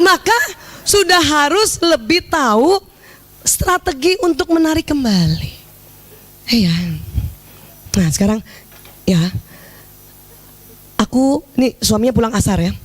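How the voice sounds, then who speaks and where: High-voiced woman giving a religious talk. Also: animated, takes it slowly, pauses often. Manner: humorous, acts out little dialogues; addresses audience directly as 'Bu'. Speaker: Islamic family speaker. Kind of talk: religious lecture to women.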